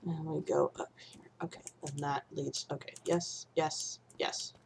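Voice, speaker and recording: Deep, creaky and level in tone, a young Midwestern woman speaks unhurriedly against slight background noise. She's streaming a game with casual chat, rambling, swearing freely and suddenly panicking.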